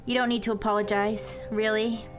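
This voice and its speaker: A woman voicing an earnest young woman in a paranormal romance visual novel, reading in a soft, solemn, dramatic way. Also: flat delivery, a little fast, soft background music, close to an everyday voice. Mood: solemn, tender. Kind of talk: visual novel read aloud. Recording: noisy, low rumble behind.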